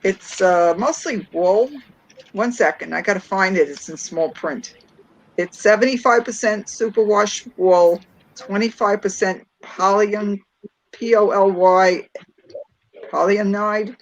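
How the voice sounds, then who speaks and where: A woman's voice: medium pitch, takes it slowly, poor audio. Livestream guest: woman, middle-aged, Brooklyn accent, casual conversational delivery. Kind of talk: casual chat.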